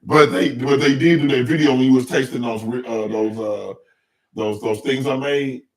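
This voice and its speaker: A man hosting a casual talk show, telling animated stories in an easygoing chat. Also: mid-range voice. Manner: animated storytelling, drawn-out complaints. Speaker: podcast host.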